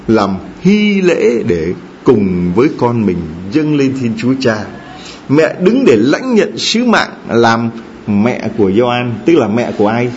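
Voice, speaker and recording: This priest's sermon is animated, full of rhetorical questions aimed at his listeners and quotes he acts out. His pitch is very lively, soaring up for emphasis and falling low and quiet, heard on a slightly dull recording with faint background hiss.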